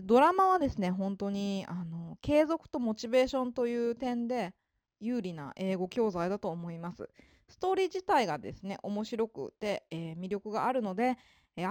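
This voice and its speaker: A woman explaining how to learn a language in a relaxed spoken lesson. Her pitch rises and falls a lot as she talks, and she stays polite, with many fillers. The recording is dry and close. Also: a little fast, dry recording. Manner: polite, with frequent fillers and emphatic ですね. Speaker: English-learning advisor.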